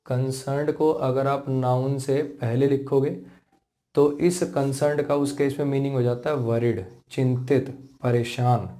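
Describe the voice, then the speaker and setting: Indian guy teaching english grammar, mellow voice, goes over each point again and again. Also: medium pitch. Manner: explains patiently, repeats points and checks understanding; slows right down to spell out English example sentences. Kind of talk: classroom lesson.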